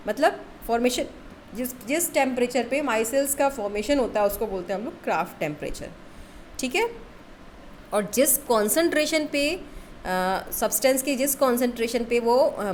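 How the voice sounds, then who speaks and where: Higher-voiced woman teaching chemistry. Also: slight background noise. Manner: poses questions and answers them herself; frequent "okay" check-ins, mixes in English terms. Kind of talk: classroom lecture.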